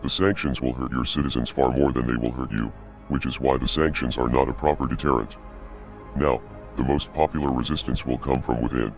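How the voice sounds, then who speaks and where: A man reading a scripted statement as an anonymous activist spokesperson in a disguised, pitched-down voice, cold, measured and ominous. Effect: disguised, pitched-down deep voice. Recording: dull lo-fi audio, music behind.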